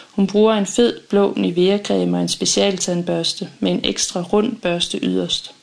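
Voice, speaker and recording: Low, gravelly woman narrating an audiobook. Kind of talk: first-person audiobook narration.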